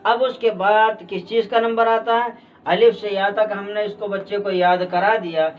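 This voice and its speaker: Male teacher, Indian Urdu accent, high voice, off-mic, muffled sound, patient drilling. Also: steady tone, recorded from a distance. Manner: patient, repeats letters slowly and loudly. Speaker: Quran reading teacher. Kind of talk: explanatory lesson.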